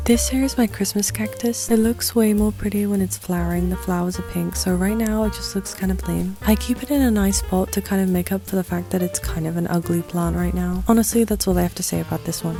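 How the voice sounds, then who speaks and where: A woman chatting casually as a vlogger about her own things, recorded in a large, echoey room. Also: lowish voice. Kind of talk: casual chatty plant collection vlog.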